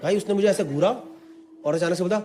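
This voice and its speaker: High-voiced man doing stand-up crowd work. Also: fast, noisy background. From Delhi NCR, India. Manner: animated, mixes Hindi and English. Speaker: stand-up comedian. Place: comedy club stage. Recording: echoey live stage, crowd laughter. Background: audience laughter.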